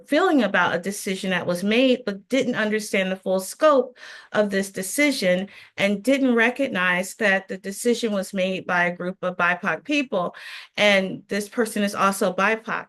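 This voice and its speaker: A woman's voice: medium pitch, measured pace, fairly bright tone. A woman on a panel recounting a workplace conflict in an earnest, emphatic way, heard over a video call. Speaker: panelist, education worker. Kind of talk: personal story on a panel.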